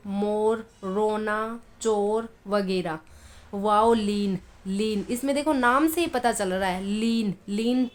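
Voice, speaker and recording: Woman teacher, fairly high voice, unhurried. Slowly says example words, then repeats and explains. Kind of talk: Urdu phonetics lesson.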